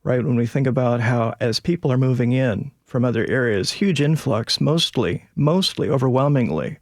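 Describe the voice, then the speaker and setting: A man's voice: medium pitch, normal speed, a little mellow, dry recording, studio quality. A man with a Northern American accent, talking as an expert guest on a discussion panel and explaining things. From northern United States. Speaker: linguist guest.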